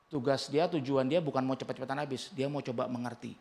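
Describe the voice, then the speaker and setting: A man's voice: mid-range voice, steady tone, fast, creaky, a little mellow. A male pastor with an Indonesian accent, preaching a sermon in a conversational, humorous way and acting out the dialogue he quotes.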